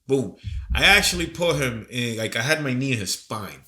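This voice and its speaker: Lively bright-voiced man telling a profane story. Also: mid-range voice, moderate pace. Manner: animated, profane, rambling. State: sick with a cold. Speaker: podcast co-host. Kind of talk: casual storytelling chat.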